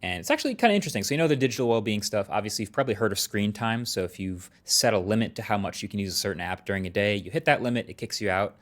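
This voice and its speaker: A man's voice: on the low side, expressive, rapid-fire, hardly any pauses. Conversational man presenting tech news. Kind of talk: conversational scripted tech commentary.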